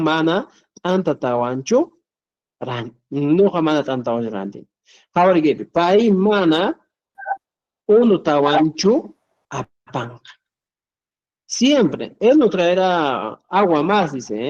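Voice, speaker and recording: A man teaching a live-streamed Quechua writing lesson. He is patient, keeps checking that students follow, and says his examples slowly. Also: fairly high pitch, expressive, a little mellow, highs cut off.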